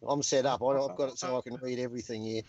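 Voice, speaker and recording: A man's voice: mid-range voice, fairly even intonation, fast talker, lo-fi sound, crowd noise. A middle-aged man bantering crudely as a guest in a casual chat.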